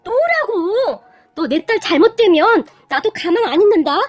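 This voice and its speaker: A woman voicing a fierce, protective middle-aged mother who yells and scolds. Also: very high voice, lively intonation, a little fast, voice pushed up. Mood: furious. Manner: scolding, yelling.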